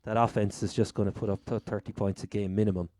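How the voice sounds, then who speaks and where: A man's voice: fairly low pitch, little pitch movement, fast, warm tone, no room sound, studio quality. A man with a Cork Irish accent co-hosting a casual sports chat in a blunt way. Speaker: sports podcast co-host. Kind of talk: casual American football chat.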